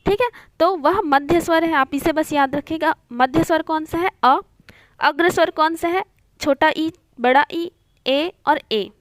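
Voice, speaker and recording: Speaking a little slowly, a high-voiced young woman teaches Hindi grammar online in a close, dry recording. She blends English into her Hindi and explains with classroom patience, repeating ideas steadily and often asking "theek hai" to check that her listeners are following.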